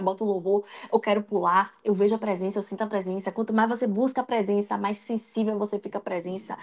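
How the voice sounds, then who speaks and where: A Brazilian woman preaching an emotional, testimonial sermon in a live stream, swinging between loud cries and hushed lines. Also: on the high side. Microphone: livestream.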